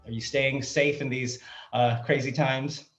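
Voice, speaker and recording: A man's voice: medium pitch, fairly even intonation, unhurried, fairly bright tone. A man born in Vietnam and raised in Southern California, hosting a formal online interview with polished, courteous introductions. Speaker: interview host. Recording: roomy, dull sound with faint music.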